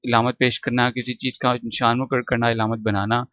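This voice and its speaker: A man's voice: medium pitch, little pitch movement, fairly bright tone, no room sound, highs cut off. Man teaching English vocabulary. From Pakistan. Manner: explanatory, repeats words slowly for pronunciation. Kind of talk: recorded classroom lesson.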